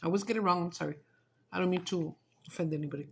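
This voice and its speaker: A woman's voice: lowish voice, very fast, creaky, slight background noise. Chatty woman eating on camera. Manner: loose and chatty, swears, slips into Spanish. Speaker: mukbang streamer. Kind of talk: casual chat while eating.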